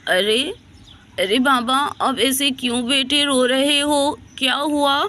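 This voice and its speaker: Woman doing a caring poor village girl, bright and gentle, storybook figure. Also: sits high, fairly even intonation, slow, voice pushed up, heavily acted. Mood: concerned. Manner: gentle and pleading.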